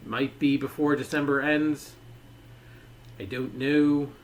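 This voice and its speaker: A man's voice: mid-range voice, level tone, slow, a little hiss or hum. A man giving a casual toy review, rambling and leaning on filler words.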